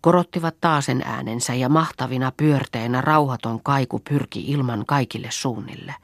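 A woman reading an audiobook in a calm, even storytelling manner. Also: very deep voice, no room sound, studio quality. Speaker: audiobook reader. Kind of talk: audiobook narration.

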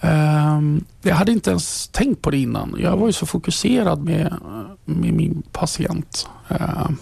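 Gravelly, husky Swedish man recounting. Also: a little high, darkish tone, no echo. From Sweden. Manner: halting, many restarts, drops to a whisper at grave moments. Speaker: interviewee, trained ambulance driver. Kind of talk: personal testimony in an interview.

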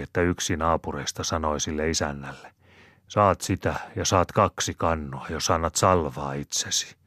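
A man's voice: extremely low pitch, no room sound, clean studio sound. A man voicing a bawdy, sly old rustic storyteller who spins his yarn with folksy chuckles.

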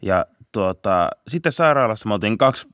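A young man, a police officer, telling a story in a casual podcast interview, laughing often and shouting out bursts of the chase. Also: lowish voice, expressive, no echo, studio quality. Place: podcast studio.

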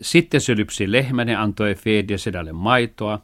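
A man narrating a children's book, reading in an even storytelling manner. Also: lowish voice.

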